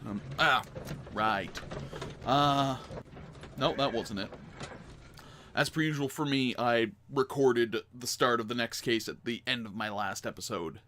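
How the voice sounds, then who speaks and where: Brief: male let's-play commentator, mid pitch, rambling and self-mocking. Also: a little slow, long pauses, pushed and bright. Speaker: gamer playing a detective game.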